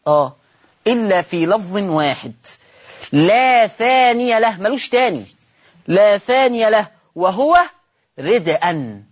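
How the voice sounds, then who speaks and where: A man's voice: high voice, lively intonation, measured pace, lo-fi sound. A man with an Egyptian Arabic accent teaching a religious lesson on Quran reading, repeating words and putting questions to his listeners.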